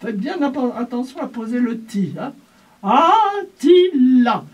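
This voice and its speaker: A woman's voice: fairly high pitch, expressive, normal speed, mellow, breathy edge. A woman voice teacher coaching a singing lesson, breaking off her instructions to demonstrate sung vowels. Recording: voice from far off the mic.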